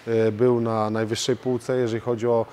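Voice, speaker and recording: This man, both a professional fighter and a coach, is interviewed in a martial arts gym. He has a mid-range voice at normal speed and answers steadily, though hesitation fillers crop up often.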